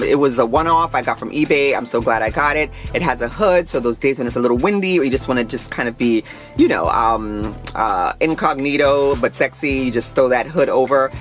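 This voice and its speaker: A woman in her thirties, a fashion vlogger chatting casually and gushing as she talks. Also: extremely low pitch. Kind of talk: casual chat.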